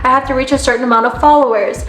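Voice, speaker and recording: An earnest young self-help creator talks to camera in a slightly high, fairly bright voice, racing along with fairly even intonation. She's losing her voice and sounds sniffly, uses "like" a lot, and addresses viewers directly in a casual motivational talk. The room echoes, with faint music.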